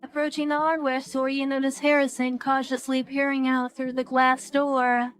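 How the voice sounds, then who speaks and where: A woman streaming a video game, reading its text aloud in an even, measured way with brief comments of her own. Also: high voice, clear, resonant tone, soft background music. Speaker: let's play streamer.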